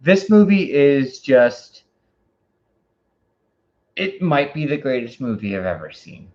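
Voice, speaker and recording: A man's voice: medium pitch, big pitch swings, takes it slowly, darkish tone. Tipsy rambling man, muffled lo-fi audio. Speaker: co-host of movie review. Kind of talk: casual tipsy movie review chat.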